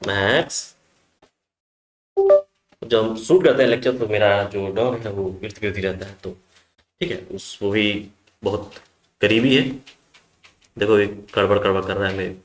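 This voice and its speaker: A man's voice: fairly low pitch, moderate pace, echoey room. A man teaching a chemistry class, who asks his students questions and answers them himself, calling them affectionate names. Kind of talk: online class lecture.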